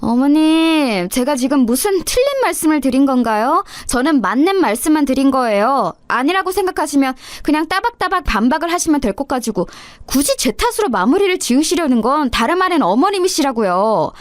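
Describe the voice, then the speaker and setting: A sneering young daughter-in-law, as a woman reads her in a radio story, coldly polite and mocking. Her high voice swoops up and down with taunting lilts. The sound is dry and close. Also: sing-song, fairly quick, hardly any pauses, no echo. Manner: sarcastic, needling, smugly polite.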